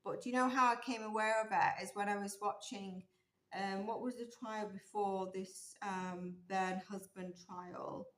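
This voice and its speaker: Her voice is mid-range, steady and fairly bright, and she takes her time, though it's a little strained because she's losing it. She's a tarot reader musing through a casual reading with many ums and restarts. The setting is an indoor table with a candle and cards, shot from overhead with only her hands visible, in a room that echoes.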